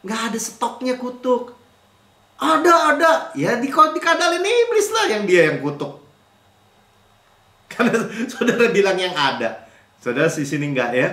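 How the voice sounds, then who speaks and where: A man preaches in a church, his voice high and full of swooping, lively pitch. He jumps from loud mocking impressions of grumblers to quiet, almost offhand asides. The room gives his voice a clear, roomy echo. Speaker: pastor. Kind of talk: sermon.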